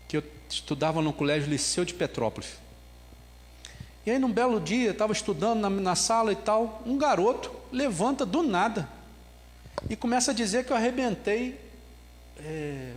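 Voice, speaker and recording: A man preaching a sermon as pastor, telling a story in an animated way with bits of laughter. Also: a little high, in a large hall. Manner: ends with a slow spoken prayer.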